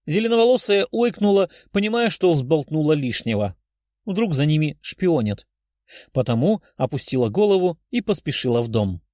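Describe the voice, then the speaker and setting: A man reads a novel aloud with an expressive storytelling touch, his pitch moving in a lively way. His voice sits a bit high and is recorded close and dry. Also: moderate pace, dry recording. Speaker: audiobook narrator. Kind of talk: scripted narration.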